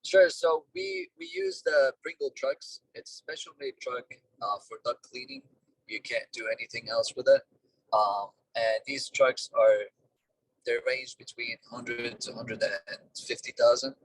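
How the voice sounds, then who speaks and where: A man talking over a car speakerphone while driving, a business owner giving plain, halting explanations in a casual interview. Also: medium pitch, very animated, creaky, slight background noise. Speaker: duct cleaning business owner, guest. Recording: distant car speakerphone call.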